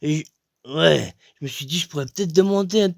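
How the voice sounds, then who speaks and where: A man spins a rambling comic tale, hesitating constantly and leaping up in pitch for emphasis. His voice sits a little high with a gravelly edge. The recording is dry and close. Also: brisk, dry recording. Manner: rambling, full of fillers like voilà and euh. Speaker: comedian.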